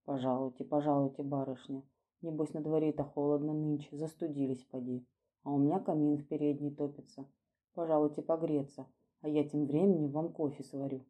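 A woman voicing a kindly, fussy old male footman who talks in soft, coaxing, folksy speech. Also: low-pitched, flat delivery, a little fast.

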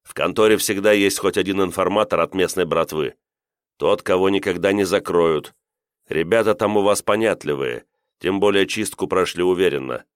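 A man reading an audiobook, voicing a gruff, irritated male KGB chairman who gives curt, commanding orders over the phone. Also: sits low, moderate pace, no echo, clean studio sound, lightly acted. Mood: stern. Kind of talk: audiobook character voice.

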